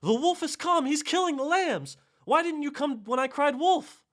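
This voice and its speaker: A man reading a storybook, voicing a bored young shepherd boy who yells for help high and loud. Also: expressive, moderate pace. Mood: frantic yelling.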